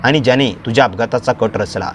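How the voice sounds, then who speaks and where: A man voicing a grave, secretive old father in a spoken storybook, speaking slowly and solemnly. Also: medium pitch, a bit bright, a little hiss or hum, close to an everyday voice.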